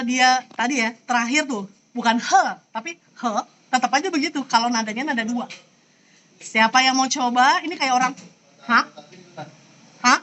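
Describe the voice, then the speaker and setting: A woman's voice: sits high, bright, forceful tone, a little hiss or hum, low-quality recording. A woman teaching Mandarin tones over a video call, patient and showing every sound by example. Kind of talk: online class teaching. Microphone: computer mic on a video call.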